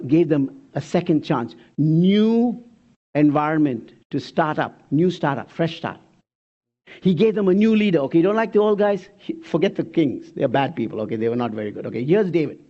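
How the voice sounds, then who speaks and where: An older man in his sixties preaches a sermon with a fairly high voice, pitching rhetorical questions at the congregation. His delivery swings between loud bursts and hushed asides. The recording sounds dull and lo-fi. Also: slightly rough. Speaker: pastor.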